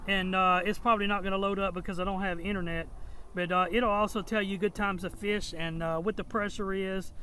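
A fairly high-pitched man talks outdoors on a riverbank, rambling and restarting with lots of fillers. His voice comes through a body-mounted camera mic, with faint outdoor noise behind him. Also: steady tone, fairly quick, pushed and bright. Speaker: fishing vlogger. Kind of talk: casual first-person vlog explanation.

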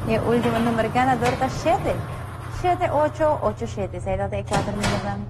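Higher-voiced woman, very noisy recording. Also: lively intonation, a little fast. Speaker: lottery draw host. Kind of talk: TV lottery draw announcing. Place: television studio. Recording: very noisy broadcast audio.

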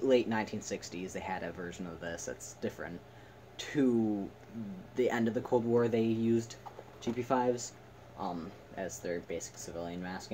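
A young man giving a casual, halting, unscripted product review in short fragments. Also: on the low side, warm tone. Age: teens to young adult. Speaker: video reviewer. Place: small attic room indoors. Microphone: camera a few metres away. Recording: distant camera mic, noisy room.

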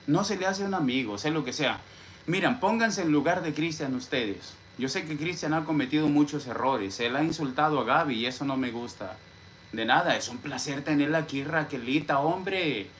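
A man's voice: a little high, normal speed, fairly bright tone, slight background noise. A man from Mexico with a Mexican accent, ranting boastfully on his live-stream vlog. He tosses in "hombre" constantly and greets viewers from the chat as he talks. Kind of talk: casual live-stream rant.

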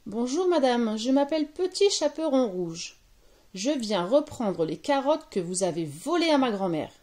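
A woman voicing a polite, bold little girl in a storybook reading, with a high, sweet voice. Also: very animated, normal speed, darkish tone.

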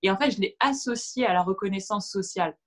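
Speaking fast with a mid-range, fairly bright voice, this woman in her thirties joins a video-call interview as a guest; Arabic is her first language. Her reflective speech is full of fillers and restarts, and she gestures while talking. The webcam captures her in a shelved room at home.

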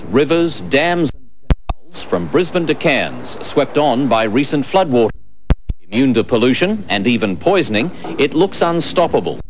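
A man with an Australian accent presenting scripted documentary narration for television. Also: medium pitch.

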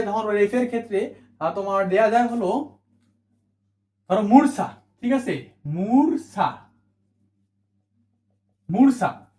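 A teacher works through spelling rules for exam students, repeating each point and answering their own questions. The voice sits at a middling pitch and rings in an echoey room. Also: a little mellow. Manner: mixes English words into the talk. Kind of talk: admission exam spelling lesson.

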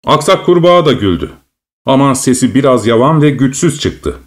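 A man narrating a dark tale as an audiobook, in a dramatic, expressive storytelling manner. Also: medium pitch, moderate pace.

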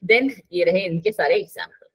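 A woman's voice: lowish voice, moderate pace, slightly rough. A woman teaching a live online biology class, chatty and coaxing, mixing English terms into her talk.

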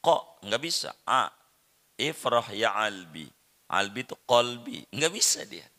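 A man's voice: mid-range voice, sing-song, measured pace, bright, forceful tone. A middle-aged man teaching a religious study lecture, repeating words and drilling Arabic pronunciation for his listeners. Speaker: Islamic teacher.

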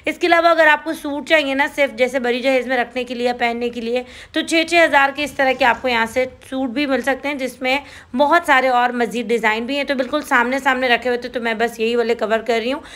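A woman's voice: high voice, steady tone, brisk, a bit bright. A woman from Pakistan with a Karachi Urdu accent narrating a shopping tour in a chatty, enthusiastic voice-over, listing prices. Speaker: shopping vlogger.

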